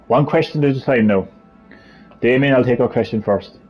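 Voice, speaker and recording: This Irish livestream host from Cork speaks at normal speed in a medium-pitched voice, cracking jokes, ranting and cursing freely. The stream audio is slightly muffled, with faint music behind.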